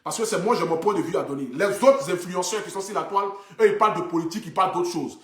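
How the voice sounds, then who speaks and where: Male influencer, casual phone livestream, earnest, filler-heavy, slightly high voice, roomy echo. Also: fast talker, fairly bright tone. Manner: earnest, repetitive, many fillers like "voilà" and "donc du coup". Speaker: social media influencer. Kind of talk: casual livestream talk to viewers. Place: indoors, seated.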